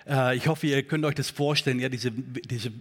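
A man preaching a sermon in a church, talking in a conversational, halting way with many fillers. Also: medium pitch, steady tone. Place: church hall.

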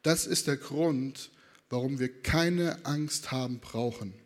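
A man's voice: medium pitch, slow pace. A man preaching a sermon in a conversational way, often checking in with his listeners. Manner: conversational, with frequent tag questions and lively re-enacted quotes.

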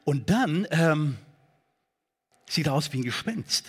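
A man preaching a sermon in a church, talking in a conversational, halting way with many fillers. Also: fairly high pitch, lively intonation, husky. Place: church hall.

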